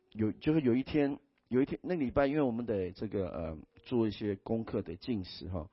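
A male pastor, telling stories in a sermon, swinging between loud exclamations and hushed murmurs. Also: mid-range voice, slightly rough, dry recording, lo-fi sound. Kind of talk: storytelling sermon.

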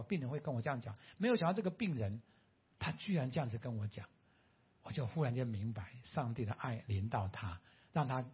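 Earnest man with a husky voice. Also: muffled recording. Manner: earnest storytelling, rising pitch at key moments. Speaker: preacher and former physician.

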